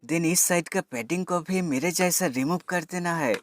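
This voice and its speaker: Soft background music sits under a man's fairly high voice as he moves at a moderate pace. He demonstrates a tech product, giving step-by-step instructions and speaking to his audience as friends, in the style of a how-to voice-over.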